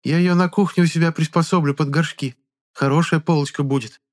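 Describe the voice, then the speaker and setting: A man's voice: on the high side, fairly even intonation, fairly quick, pitched above the performer's own voice, lightly acted. A man voicing a chatty, sly elderly peasant widow who talks in a folksy sing-song.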